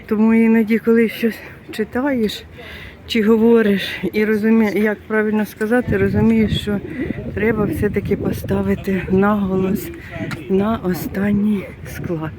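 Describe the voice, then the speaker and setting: A woman's voice: medium pitch, level tone, moderate pace, a crowd in the background, rough recording. A woman from Ukraine talking casually through a walking vlog, explaining things as she goes. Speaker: vlogger. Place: outdoors on city streets. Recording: clear street noise and passing traffic.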